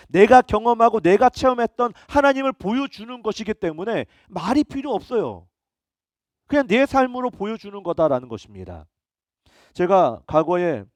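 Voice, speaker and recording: A middle-aged man preaches a sermon in a fairly high voice that swings widely up and down as he presses his points. He keeps asking rhetorical questions. The sound is dry and close, with no room echo. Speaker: pastor.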